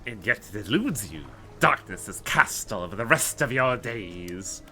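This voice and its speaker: In a strained, theatrical, ominous read of game dialogue, a man voices an unhinged, grandiose cult leader villain. His fairly low voice is pushed and bright, expressive, and delivered at normal speed.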